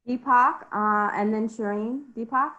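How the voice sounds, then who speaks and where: A woman's voice: a little high, unhurried, pushed and bright, lo-fi sound. A woman moderating a video call, calling on people by name and chatting casually. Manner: friendly, apologetic, calls names.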